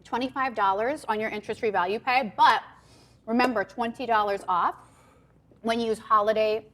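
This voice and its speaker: A woman hosting live home shopping TV, chatty and upbeat, pitching products and reading out item numbers and prices. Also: moderate pace, a bit bright. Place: TV studio.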